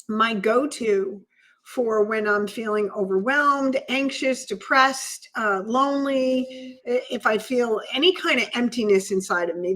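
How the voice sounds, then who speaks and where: A woman with a slightly high voice tells a personal story as a podcast guest. She speaks earnestly and with feeling, often restarting her sentences as the memory moves her. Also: fairly bright tone. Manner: earnest, emotional, halting restarts.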